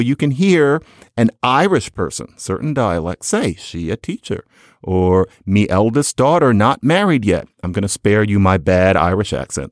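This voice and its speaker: A male podcast host explains things in a wry, conversational lecturing manner. His pitch rises and falls with lots of animation, and the recording is dry and close. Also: dry recording.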